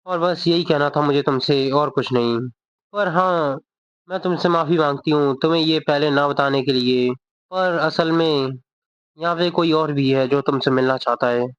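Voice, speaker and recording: A man reading as a calm young woman mentor. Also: low-pitched, normal speed, no room sound, natural voice. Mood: firm. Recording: dull lo-fi dry voice.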